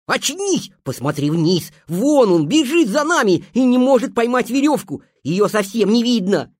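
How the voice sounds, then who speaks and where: A woman voicing a young, anxious male hare in a storybook tale, shouting and pleading. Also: a little high, sing-song, moderate pace, slightly rough, dry recording, studio quality.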